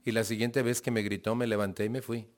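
Speaking at a quick pace in a fairly low, level voice, this Mexican-accented man gives a testimonial talk about his recovery. He tells his story to the group with acted-out dialogue and questions for the audience.

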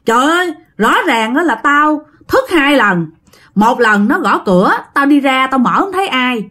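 A woman's voice: high-pitched, fairly bright tone, voice pushed up. A woman voicing a frightened middle-aged mother who urgently insists on what she saw, in a spoken ghost story.

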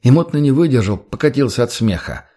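A man's voice: mid-range voice, animated, a little fast, mellow. A man narrating an audiobook in a matter-of-fact scripted reading.

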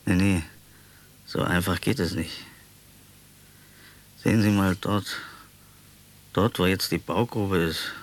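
An actor playing an embittered, stubborn older war veteran in a radio drama, deliberate and grumbling. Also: male voice, low-pitched, steady tone. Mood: bitter, stubborn. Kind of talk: naturalistic German radio drama.

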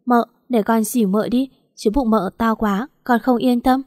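A woman's voice: fairly high pitch, fairly even intonation, normal speed, darkish tone, no echo, clean studio sound, natural voice. A woman voicing a cheerful, devoted young servant girl who talks in a chirpy way. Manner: chirpy, then shrieking in panic.

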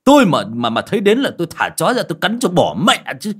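A man voicing a proud, hot-tempered village healer who rants loudly. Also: high voice, huge pitch swings, fast, breathy edge, pitched above the performer's own voice, heavily acted. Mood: furious. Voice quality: raised and shouting when angry.

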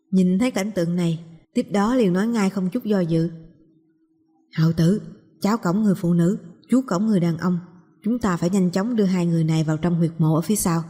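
A woman narrating a story in a steady, measured manner as an audiobook narrator. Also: medium pitch. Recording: long reverb.

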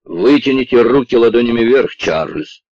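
A man reading an audiobook and voicing a cold, commanding gentleman who speaks in a stern, clipped manner. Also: medium pitch, animated, moderate pace, dull audio, voice pushed up, close to an everyday voice.

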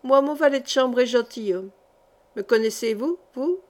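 A woman's voice: sits high, normal speed, darkish tone, natural voice. A woman reading the part of a boastful, greedy young man getting drunk at a feast.

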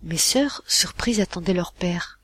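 A reader narrating a literary short story in first person, in a measured, expressive storytelling manner. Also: mid-range voice, breathy edge. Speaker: audiobook reader.

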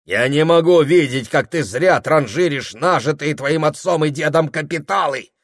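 A man voicing a domineering, grandiose husband who shouts and hammers every phrase in an audiobook. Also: a little high, normal speed, no echo, clean studio sound, pitched above the performer's own voice. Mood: furious commanding. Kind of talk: audiobook character voice.

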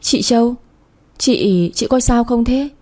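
A woman's voice: fairly high pitch, slow pace, a little mellow, pitched above the performer's own voice. A woman doing a whiny scheming younger sister. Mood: syrupy coaxing. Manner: whiny, pleading, syrupy.

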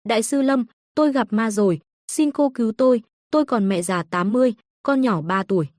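A woman's voice: on the high side, brisk, darkish tone, no room sound, clean studio sound, close to an everyday voice. A woman voicing a cowardly middle-aged male swindler who panics, pleads and sobs. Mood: pleading.

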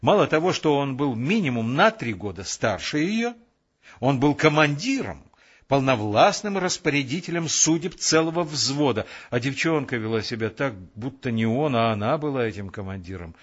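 A man calmly reading an audiobook narration in a measured way. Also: medium pitch, dull audio. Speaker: audiobook reader.

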